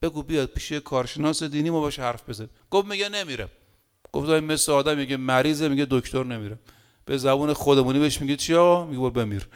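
A man preaching a sermon in a conversational, folksy way, full of rhetorical questions and short anecdotes, swinging between loud emphasis and quiet asides. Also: fairly high pitch, steady tone, clean tone.

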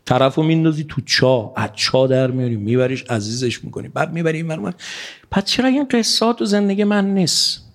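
A man preaching a sermon, impassioned and pleading, swinging between hushed and raised. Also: on the high side, animated.

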